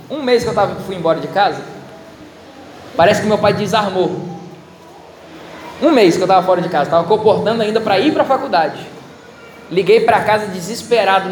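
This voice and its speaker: A man preaching a sermon, telling humorous personal stories and talking straight to the audience in an animated way. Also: high voice. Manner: animated, humorous anecdotes, addresses audience directly. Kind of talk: storytelling sermon. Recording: echoey hall with loud ambient noise.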